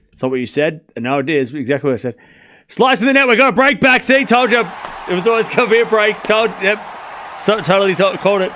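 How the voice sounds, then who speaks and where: His high voice has a fairly bright tone as he chats through a tennis match live with an Australian accent. The man teases his audience, boasts, and speaks right to the chat.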